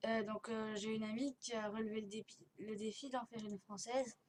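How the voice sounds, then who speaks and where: A woman's voice: on the high side, flat delivery, moderate pace. Woman chatting thru a game tour, mouth barely opens cause of dental elastics, slurry s's, bit of background noise. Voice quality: impeded, tight-mouthed speech from dental elastics, slurred S sounds. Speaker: host of a gaming video channel. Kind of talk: casual chat commentary touring a game. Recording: noisy home recording with clicking.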